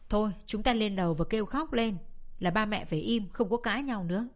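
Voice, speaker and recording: A woman's voice: mid-range voice, a little fast, lightly acted. A woman voicing an anxious eldest sister who urges her siblings on in a dramatic audiobook reading. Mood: urgent.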